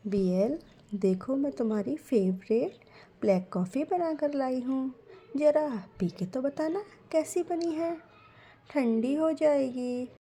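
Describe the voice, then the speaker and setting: A woman doing a doting mother, her voice lifted high and sing-song. She sounds sweet and coaxing, with a mellow tone and an unhurried pace. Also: animated, heavily acted. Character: doting middle-aged mother, sweet and affectionate. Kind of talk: storytelling role voice.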